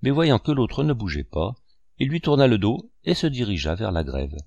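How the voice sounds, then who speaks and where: A man narrating an audiobook in a steady, measured storytelling manner. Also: mid-range voice, creaky, dry recording, highs cut off.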